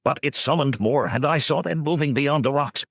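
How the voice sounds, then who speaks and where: A man's voice: fairly high pitch, gravelly, a bit bright, no echo, clean studio sound, pitched above the performer's own voice. A man voicing a nervous, shifty male bandit tracker who talks defensively and in a rush. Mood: fearful. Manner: defensive, hurried.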